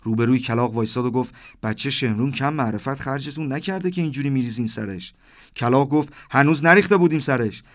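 A man in his thirties narrating a surreal first-person story, with livelier delivery when he quotes the exchanges. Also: mid-range voice. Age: 30s.

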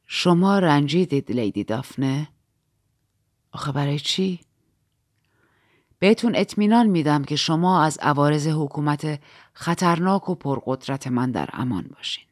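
A woman voicing a sly, scheming male count who speaks slowly with a smile. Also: deep voice, animated, no room sound, clean studio sound, voice pushed down. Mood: smug calm. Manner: slow, smiling, teasing.

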